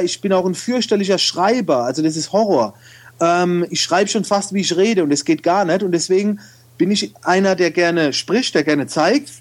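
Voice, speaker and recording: With a high voice and a darkish tone, a man speaking a regional German dialect chats casually as an interview guest. He is a photo retoucher and video trainer, and his speech is riddled with fillers and restarts.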